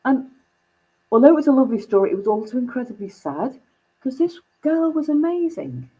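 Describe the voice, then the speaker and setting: A woman from the United Kingdom, a company founder, telling stories as an interview guest with lively jumps in pitch. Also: a little fast, husky, rough recording. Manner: animated storyteller, pitch jumps when excited. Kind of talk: interview conversation.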